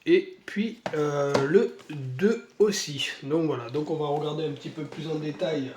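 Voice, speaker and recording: A man's voice: fairly high pitch, a little slow, background noise. A French-speaking man unboxing model paints in a casual video, talking through a stuffy nose from a cold, hesitant with many fillers. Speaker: model-kit hobby vlogger.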